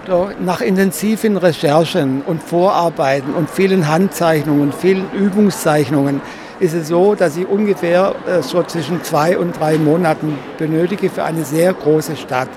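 Male exhibitor interviewee, fairly high voice, deliberate and wordy, noisy location recording. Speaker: exhibitor and designer of paper models. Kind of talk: interview, explaining his work. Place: stand at a busy book fair. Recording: clear background noise of a busy fair.

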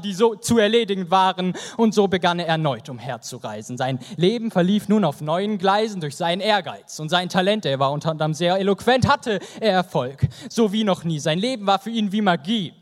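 Young male slam poet, high voice, dramatic rhythmic storytelling, long hall reverb. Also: expressive, moderate pace, few pauses. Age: young adult. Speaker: poetry slam performer. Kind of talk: rhymed spoken-word performance.

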